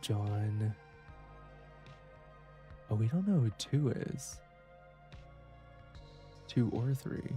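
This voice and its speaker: A man's voice: fairly low pitch, expressive, very slow, pauses often, dark tone, faint music behind. A man hosting a let's play, thinking aloud and musing over clues in casual gameplay commentary.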